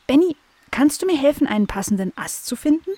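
A woman's voice: sits high, sing-song, a little fast, mellow, no echo, voice pushed up. A woman voicing a curious, cheerful young female dog in a children's audio story, talking eagerly.

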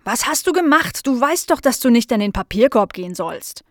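A woman's voice: medium pitch, animated, moderate pace, dry recording, clean studio sound, close to an everyday voice. A woman voicing a kind adult aunt in a children's storybook, who fusses and praises her dog. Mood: scolding. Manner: warm scolding, then fond praise.

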